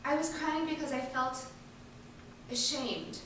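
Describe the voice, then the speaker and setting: With a high-sitting, slightly bright voice and fairly even intonation, a woman performs an earnest, emphatic first-person monologue in an activist's voice, using deliberate pauses. The sound comes from a distant mic in a large indoor event space, echoing with faint noise.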